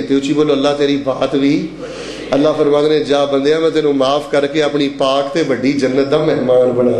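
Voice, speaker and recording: A man's voice: a little high, darkish tone, echoey room, slight background noise. A man preaching a Friday sermon, calling on the congregation to repeat after him and chanting verses in a sweeping, rising and falling voice.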